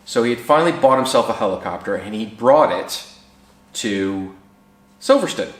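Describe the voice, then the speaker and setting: Guy spinning old racing yarns in his workshop, lowish voice, kinda echoey room, does little voices for people. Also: moderate pace. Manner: animated, acts out quoted voices, relaxed fillers. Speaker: former racing team mechanic telling stories. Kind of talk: casual anecdote storytelling.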